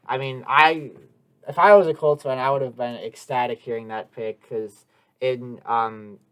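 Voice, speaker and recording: A man's voice: medium pitch, steady tone, measured pace, clear, resonant tone. A man hosts a casual sports talk show with an eager, emphatic delivery, his voice sitting in an ordinary middle register. He runs long, piling up points as he goes. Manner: eager, talkative, emphatic analysis. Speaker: podcast host.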